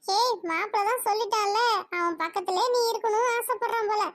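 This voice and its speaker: A woman's voice: very high-pitched, a little fast, no echo, studio quality. A woman voicing a bossy middle-aged mother in a cartoon who scolds and fusses over her daughter's marriage. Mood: fussing. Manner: scolding, fussing. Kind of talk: cartoon voice acting.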